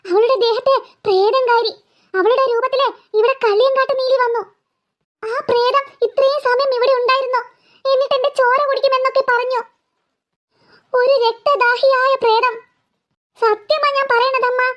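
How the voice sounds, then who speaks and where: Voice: extremely high pitch, fairly even intonation, moderate pace, fairly bright tone. A performer doing a panicky young cartoon girl. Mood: pleading. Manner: panicked, pleading, stammering. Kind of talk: cartoon voice acting.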